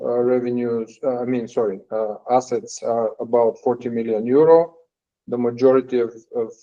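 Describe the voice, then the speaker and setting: On an earnings call, a male company executive presents financial results haltingly and hesitantly, pausing often. His voice is medium-pitched and warm, and the call audio is dull and lo-fi.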